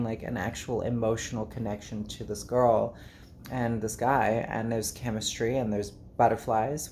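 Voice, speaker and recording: South african accent, casual vlog monologue, candid, rambling, mid-pitched voice. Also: a little mellow, slight background noise. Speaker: vlogger.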